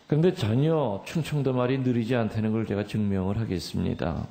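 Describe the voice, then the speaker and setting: Korean priest with a faint Chungcheong lilt, low and gravelly, delivering a light, funny homily in church. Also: male voice, fairly quick, warm tone. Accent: slight Chungcheong lilt. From Incheon, South Korea. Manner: joking, storytelling, playfully mimics dialects. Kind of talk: humorous sermon to a congregation.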